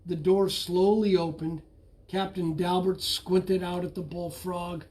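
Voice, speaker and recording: A man reading a picture book aloud with slow, expressive storytelling. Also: high-pitched. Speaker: storybook reader.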